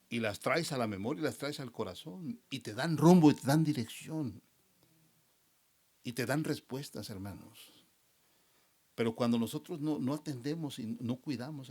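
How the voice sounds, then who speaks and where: A man's voice: mid-range voice, gravelly, a little mellow. A man, a pastor, preaching a sermon and calling the congregation brothers again and again, his voice dropping at the end of phrases. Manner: repeats "hermanos" often, voice drops at phrase ends.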